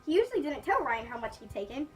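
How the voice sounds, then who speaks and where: A woman's voice: sits high, very animated, quick pace, distant mic, faint music behind, rough recording. A woman reading fan fiction aloud as a live reaction, stumbling on words and breaking off to joke.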